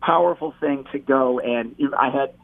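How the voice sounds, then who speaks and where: Over a tinny phone line, a man from Metro Detroit chats casually as an interview guest, rambling with many restarts and repeated words. His medium-pitched voice has vocal fry, a moderate pace, and no echo.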